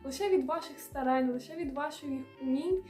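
A woman's voice: high voice, brisk, a little mellow, echoey room, faint music behind. A young woman from Ukraine, a student vlogger giving earnest, direct study advice. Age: young adult. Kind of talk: advice vlog.

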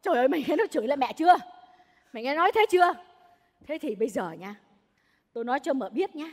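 A woman's voice: sits high, animated, quick pace. A woman playing a domineering old mother-in-law in a stage comedy sketch, nagging, scolding and wailing. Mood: furious. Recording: stage recording with long hall reverb.

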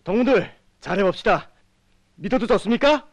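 Animated North Korean children's coach. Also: male voice, high voice, normal speed, very noisy. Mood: earnest, rousing. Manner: animated, instructive. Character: earnest, encouraging young male children's coach. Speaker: actor. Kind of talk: film drama dialogue.

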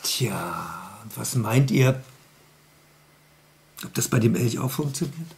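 Male children's storyteller: slow, gravelly, playful, addresses the kids directly. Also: mid-range voice, animated, darkish tone, slight background noise. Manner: playful, chatty, asks the kids questions.

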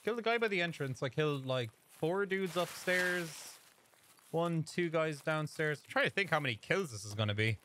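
Excitable young Irish gamer, lively voice. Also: male voice, fairly high pitch, moderate pace, slight background noise. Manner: excitable, swearing, laughing at himself. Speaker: streamer. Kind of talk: gameplay commentary with a friend.

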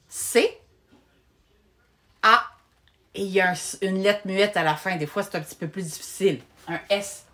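A woman teaching young children to read letters, talking slowly and patiently and praising often. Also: medium pitch, a bit bright. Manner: slow and patient, spelling out letters with frequent praise. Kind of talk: slow, encouraging children's reading lesson.

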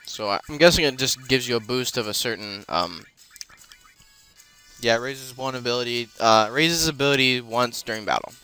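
Man, let's play commentary, casual and rambling, bright smooth voice, faint game music behind. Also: mid-range voice, normal speed. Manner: rambling, many fillers and self-corrections.

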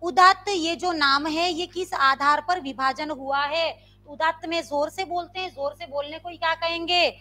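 With a very high pitch, fairly level intonation, and moderate pace, an Indian woman teaches Sanskrit grammar live online. She repeatedly quizzes her students and illustrates loud and soft sounds.

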